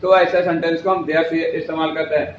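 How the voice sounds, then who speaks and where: A man teaching a spoken English lesson. He repeats each sentence slowly and switches back and forth between Hindi and English. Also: fairly high pitch, level tone. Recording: echoey room with faint noise.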